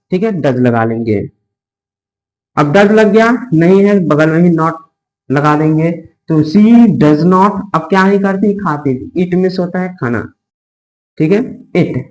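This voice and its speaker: A man teaching a grammar lesson, asking questions and answering them himself, slowly spelling out example sentences. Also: high voice, darkish tone, rough recording. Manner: asks and answers his own questions, drawn-out example sentences. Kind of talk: Hindi-medium grammar lesson.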